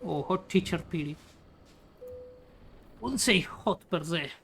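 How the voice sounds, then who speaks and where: A woman's voice: lowish voice, animated, takes it slowly, gravelly, fairly bright tone, a little hiss or hum, low-quality recording. Joking Spanish-accented woman streamer. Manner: rambling, crude, joking. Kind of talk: casual chat while gaming. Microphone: studio mic with pop filter.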